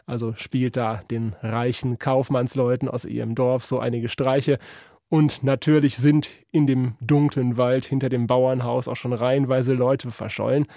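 A man hosting a radio interview, presenting in a smooth, conversational way. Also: mid-range voice, dark tone, dry recording, clean studio sound. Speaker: radio host.

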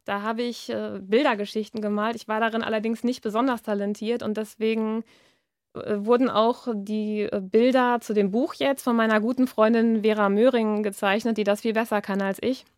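A woman's voice: fairly high pitch, moderate pace, dry recording, clean studio sound. A woman author in a radio interview who reads her novel expressively and answers questions with some hesitant fillers. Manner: expressive storybook reading, hesitant with fillers in chat.

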